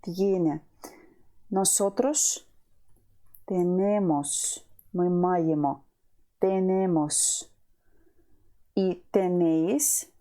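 Female language tutor, unhurried and warm, patient drill of verb forms. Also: fairly low pitch. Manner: slow and patient, repeats each verb form. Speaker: language teacher. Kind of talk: online Spanish lesson.

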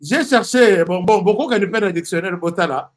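High-voiced Congolese man commenting. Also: moderate pace. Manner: hesitant, many fillers and restarts. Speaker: political commentator. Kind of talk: casual political commentary.

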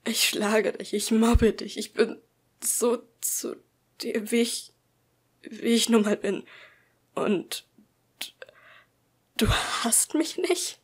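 A woman voicing a troubled teenage boy who bullies others, reading an amateur audiobook slowly and breathily. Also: on the high side, steady tone, slightly rough. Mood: defiant.

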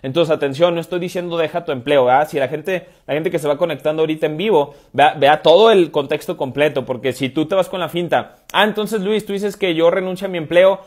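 A man in his thirties with a fairly high voice, hammering home his point in a motivational live stream. He fires off rhetorical questions, repeats key phrases for weight, and talks into an earphone mic from a phone camera indoors. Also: fairly quick, hardly any pauses. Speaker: online business coach. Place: indoors, room with stone-pattern wall. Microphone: wired earphone headset mic, phone camera.

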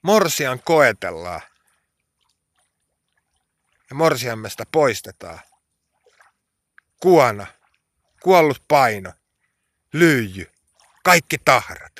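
An impassioned man preaching, his voice bright and forceful. He speaks slowly with emphatic pauses and rises into pleading cries when he prays. The sound is close and dry. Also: medium pitch, very animated, no echo. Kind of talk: sermon.

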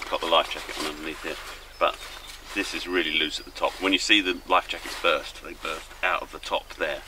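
Deep-voiced older man vlogging outdoors. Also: brisk, noisy background. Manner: relaxed, chatty, thinking aloud to camera. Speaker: solo small-boat voyager. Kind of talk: casual travel vlog commentary. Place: outdoors on a small boat on a misty river. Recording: outdoor birdsong and river ambience.

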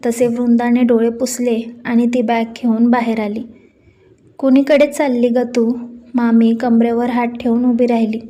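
A woman's voice: fairly high pitch, completely flat delivery, moderate pace, few pauses, warm tone. A woman narrating a scripted family drama story as storyteller.

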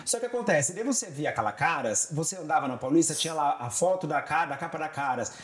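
A man's voice: fairly high pitch, crowd noise. A man in his forties chats as a guest, spilling out stories at a breakneck clip. His phrases run together as he jumps from one anecdote to the next. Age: 40s. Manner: animated storyteller, rapid run-on phrasing. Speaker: guest, television director. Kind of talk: casual conversation.

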